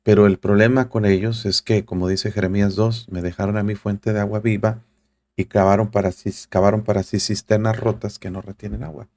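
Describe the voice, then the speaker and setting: Gravelly low-voiced pastor preaching. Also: male voice, level tone, fairly quick, darkish tone, no room sound. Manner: preaching earnestly, addressing listeners as brother; reads scripture aloud, searches for verses mid-talk. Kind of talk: sermon.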